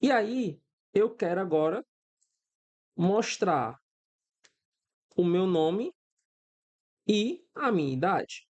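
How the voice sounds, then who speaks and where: He speaks in a high, very animated, slightly mellow voice, drawing out words and pausing often. A Brazilian programming instructor in his thirties with a Brazilian Portuguese accent, he leads a screen-recorded coding lesson step by step, regularly checking in with students and relying on everyday examples.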